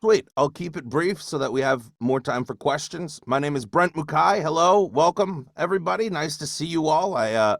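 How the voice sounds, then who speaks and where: A man's voice: fairly high pitch, animated, normal speed, gravelly, few pauses, no echo. A man in his thirties from Hawaii, a voice actor chatting casually on a video call, rambling with fillers and restarts. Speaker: voice actor guest. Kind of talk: casual webinar talk.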